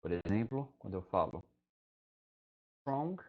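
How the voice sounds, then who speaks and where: A Brazilian man teaches English grammar in a relaxed, conversational tone, checking in with his listeners as he goes. His voice is gravelly with some vocal fry. The recording sounds a little muffled and lo-fi. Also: medium pitch, normal speed. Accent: Brazilian Portuguese. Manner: conversational, fillers like "né" and "tá". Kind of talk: explaining grammar to students.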